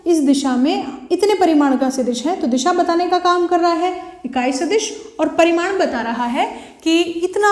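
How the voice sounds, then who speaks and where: Lady physics teacher, high voice, roomy echo, asks then answers her own questions. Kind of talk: recorded video lecture.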